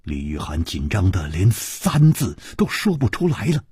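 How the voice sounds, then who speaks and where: A man narrating a martial arts novel as a storyteller, dramatic and swinging between loud and hushed. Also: sits low, very animated, moderate pace, husky, no echo, clean studio sound.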